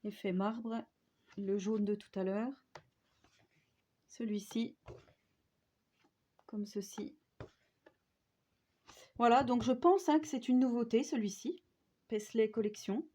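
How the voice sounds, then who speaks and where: A woman with a Franche-Comté accent talks through a casual crafting haul vlog. Her tone is mellow and warm, and her talk is chatty and full of small fillers and tag words. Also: fairly high pitch, takes it slowly, long pauses. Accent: Franche-Comté French. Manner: chatty, with frequent "euh" and "hein" tags. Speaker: crafting YouTuber.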